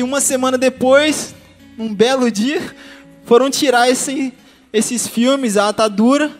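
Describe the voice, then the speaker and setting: A young man from Brazil telling his testimony to a church, lively and humorous, turning often to address the congregation. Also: very high voice. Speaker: testimony speaker. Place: church hall. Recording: long hall reverb, soft guitar music.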